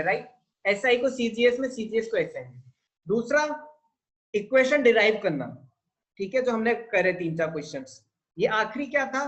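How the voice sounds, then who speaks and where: A man's voice: very high voice, fairly bright tone, low-quality recording. A man with an Indian English accent teaching a physics lesson, asking his class questions and answering them himself while mixing Hindi and English. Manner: mixes Hindi with English sentences. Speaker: physics tutor.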